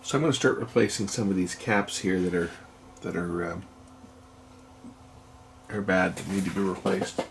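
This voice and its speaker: Working at a repair bench indoors, a video host who fixes electronics narrates off the cuff, matter-of-fact and musing aloud as he goes. His low voice moves at a moderate pace with long pauses, and there's a little hiss or hum in the background.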